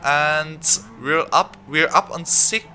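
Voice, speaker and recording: A young man, not a native English speaker, giving fast, rambling commentary over his own racing game footage. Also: a little high, bright, forceful tone, a little hiss or hum. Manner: fast, rambling, chatty with many fillers. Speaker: sim racing channel host.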